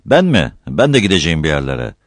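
A man's voice: extremely low pitch, huge pitch swings, fast, no echo, studio quality, exaggerated voice. A man voicing a curt, defiant young villager.

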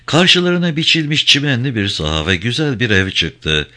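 A man narrating a literary story with expressive, scripted delivery. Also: mid-range voice, moderate pace.

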